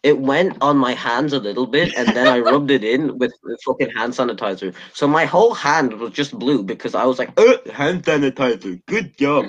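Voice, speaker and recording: A man co-hosts a loose podcast from home, joking crudely and swearing constantly. His voice sits in an ordinary middle pitch. The recording sounds dull and lo-fi. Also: brisk, few pauses, a bit bright. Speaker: podcast co-host. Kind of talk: casual chat.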